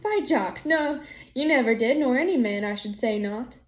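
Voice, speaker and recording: A woman voicing a blunt, jovial male townsman who talks louder and in a hearty, joking way. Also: fairly high pitch, expressive, moderate pace, reverberant, natural voice.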